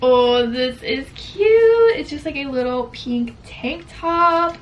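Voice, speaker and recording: A teary young woman of nineteen gushes through an unboxing vlog, her voice high and bright. She sits a bit back from the mic, and a loud hiss of noise runs under everything she says. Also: animated, slow, distant mic, dull audio. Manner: gushing, tearful, says "like" and "literally" often. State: teary, on the verge of crying. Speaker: vlogger.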